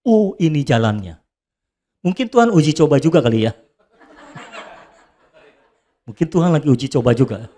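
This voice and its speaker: A man preaching a sermon as a pastor, swinging between loud high calls and soft low asides. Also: very animated, quick pace.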